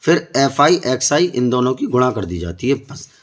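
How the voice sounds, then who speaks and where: This Indian male math teacher has a mid-range, sing-song voice and a moderate pace. In a board-exam tutoring session, he breaks problems down step by step and repeatedly quizzes his students.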